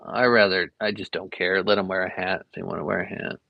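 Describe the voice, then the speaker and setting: Young man, art teacher streaming live, rambling and easygoing, gravelly fry, dry muffled audio. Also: low voice, flat delivery, fast, dry recording. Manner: rambling, easygoing, lots of fillers. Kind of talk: casual live-stream chat while drawing.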